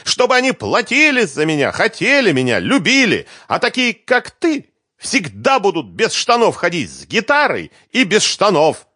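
Male reader doing a high, loud, hysterical young woman; sobbing and shrieking. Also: moderate pace, no room sound, studio quality, natural voice. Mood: scolding. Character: hysterical young woman singer, tearful, shrill. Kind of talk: audiobook character voice.

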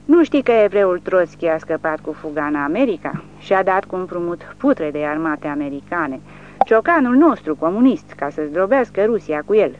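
A reader voicing a drunk, bullying man who is a Soviet village official, shouting insults in an audiobook. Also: high voice, animated, muffled recording, slight background noise. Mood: ranting.

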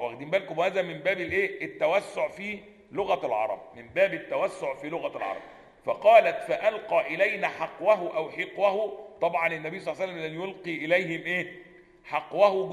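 A fairly high-pitched man with an Egyptian accent teaches a religious lesson. He keeps asking his listeners questions, answers them himself, and slips between formal and colloquial Arabic. The voice carries a long echo from a roomy hall. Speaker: sheikh teaching a book on funeral rulings. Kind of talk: religious lesson explaining hadith. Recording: echoey hall with long reverb.

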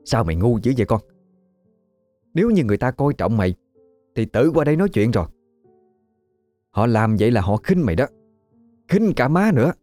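A man's voice: mid-range voice, sing-song, a little fast, pauses often, warm tone, dry recording, faint music behind, voice pushed up, close to an everyday voice. A man voicing a proud, stern older mother from a poor family in a spoken ghost story. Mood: angry.

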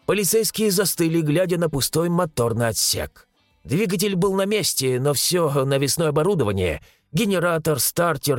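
A man narrates a story with expressive, suspenseful delivery and a husky tone. His pitch rises and falls in lively swings. The recording is dry and close, with faint music underneath. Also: no room sound. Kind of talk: dramatic audiobook narration.

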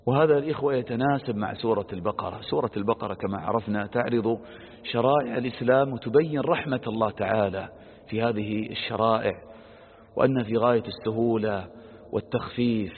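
A husky-voiced man gives a scripture lesson in a long, ringing reverb. He asks questions aloud and answers them, and raises his voice to stress each quoted verse. The sound is thin and narrow, like a phone line. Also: on the low side, fast talker. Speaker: Quran exegesis teacher. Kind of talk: religious lesson explaining verses.

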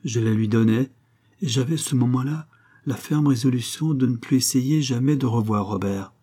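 A frightened young mother pours out a hushed confession in an audiobook, as a man reads her lines. The voice is dark and mellow, with a husky grain. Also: medium pitch, normal speed, lightly acted. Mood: pleading. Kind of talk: audiobook reading.

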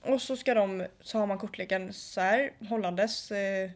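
A young woman co-hosting a casual chat, telling a story in a lively way and acting out dialogue. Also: mid-range voice. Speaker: podcast co-host.

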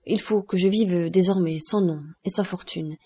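A woman's voice: fairly low pitch, normal speed, warm tone, husky. A woman reading the part of an earnest young nobleman of twenty-two, speaking with firm, emotional resolve. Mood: resolute.

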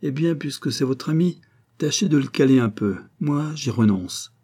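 A man's voice: mid-range voice, expressive, normal speed, darkish tone, pitched above the performer's own voice, lightly acted. A man voicing a brusque, sour male hotel porter who grumbles in a storybook reading. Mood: grumbling. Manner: gruff, grumbling.

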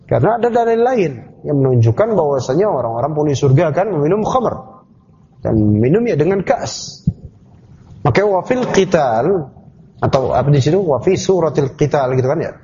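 In a dull lo-fi recording with slight background noise, an Islamic teacher whose voice is fairly high and dark in tone teaches a tafsir class. He works through scriptural terms stepwise and keeps asking the class questions.

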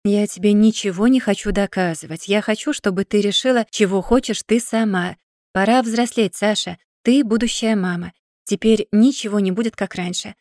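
A woman's voice: medium pitch, moderate pace, darkish tone, no room sound, clean studio sound, natural voice. Woman reading as a stern lecturing older brother. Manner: firm, lecturing. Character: stern, patient older brother, young man.

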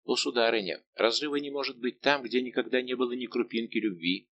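A man's voice: medium pitch, a little fast, highs cut off, a little hiss or hum, natural voice. A male reader voicing a heartbroken young nobleman who speaks in a bitter, restrained, formal way, in an audiobook.

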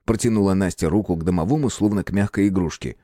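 A man narrating an audiobook in an expressive reading style. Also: sits low, quick pace, dry recording, studio quality. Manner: expressive reading, acts out voices.

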